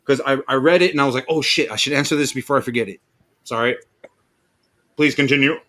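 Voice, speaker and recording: An excitable man chatting casually in a group, rambling, repeating himself and swearing freely. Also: mid-range voice, quick pace.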